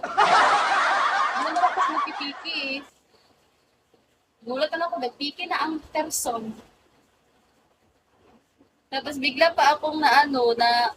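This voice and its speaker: Young woman, high voice, slow and giggly, casual live-stream chat, faint room noise. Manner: giggly, mixes English and Filipino. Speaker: livestream host.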